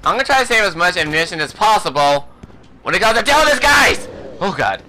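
Man, let's play commentary, high voice, swears and yelps when panicking. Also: fast, slight background noise. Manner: excitable, profane, yelps and shouts in panic. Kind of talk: gameplay commentary.

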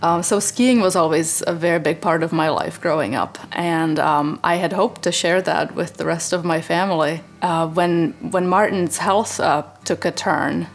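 Seated on a living room sofa, a parent from the Czech Republic in her forties reflects earnestly for an interview testimonial, using her hands as she talks. She speaks at normal speed with hardly any pauses, in a fairly low voice over soft background music.

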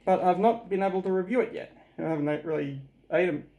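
A man's voice: high-pitched, quick pace, warm tone. A man in his thirties with an Australian accent, casually hosting a snack review at a kitchen table. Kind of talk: casual chat, product review. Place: small domestic kitchen, indoors. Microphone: camera mic at table distance. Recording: noisy room, bag crinkling.

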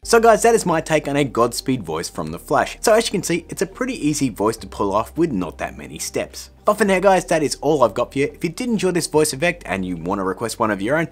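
A man in his thirties hosts a step-by-step video tutorial, talking straight to viewers in an upbeat, chatty, informal way. His medium-pitched voice swings hugely in pitch, and he talks fast with hardly any pauses.

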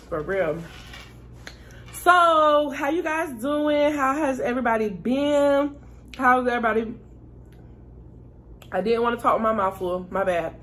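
A vlogger with a fairly high voice eats a meal while casually chatting with viewers, chatty and laid-back in mukbang fashion. Slight background noise is present.

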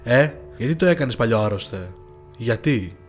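A man voicing a furious adult male police officer who yells insults, in a spoken horror story. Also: mid-range voice, faint music behind, natural voice. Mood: yelling. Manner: yelling, insulting.

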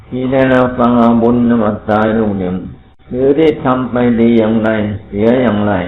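Low-voiced monk giving a rambling sermon. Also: male voice. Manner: rambling, conversational preaching. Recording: phone-like, roomy, faint noise.

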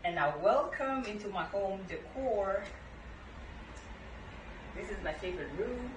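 A woman's voice: animated, a little slow. Middle-aged tanzanian-born woman showing off her gallery, echoey room, mic kinda far off. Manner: warm sales pitch, showing items. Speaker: gallery owner. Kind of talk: guided tour of a shop. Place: indoor gallery in a home. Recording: roomy and distant with background noise.

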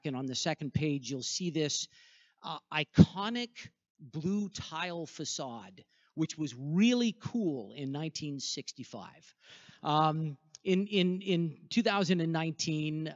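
A man's voice: fairly high pitch, dry recording. Middle-aged male school rep, sincere and thankful, handheld mic, muffled dry audio. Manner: earnest, grateful. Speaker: school representative. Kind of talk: fundraising appeal to a congregation. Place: church sanctuary in front of a choir. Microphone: handheld microphone. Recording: dull, dry sound.

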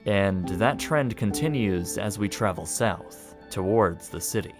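A man giving measured, matter-of-fact scripted documentary narration. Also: on the low side, lively intonation. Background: music.

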